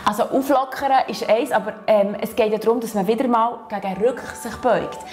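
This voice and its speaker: Faint music plays behind a Swiss-accented fitness instructor whose fairly high, slightly mellow voice moves a little fast. She walks a learner through stretching and back exercises step by step, patient and encouraging, often adding "oder?" at the end.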